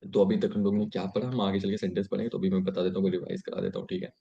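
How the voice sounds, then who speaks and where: A man's voice: deep voice, little pitch movement, racing, gravelly, warm tone. Man teaching grammar, lo-fi sound. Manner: explains by repeated questions. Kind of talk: online grammar lesson. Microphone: webcam or built-in mic. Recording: lo-fi dull sound.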